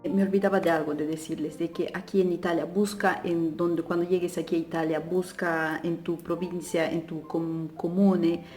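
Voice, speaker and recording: Low-voiced Peruvian woman vlogging. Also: little pitch movement, normal speed, few pauses, darkish tone. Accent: Peruvian Spanish. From Peru. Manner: chatty, many fillers and restarts, laughs often. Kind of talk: casual advice vlog. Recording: echoey room with faint music.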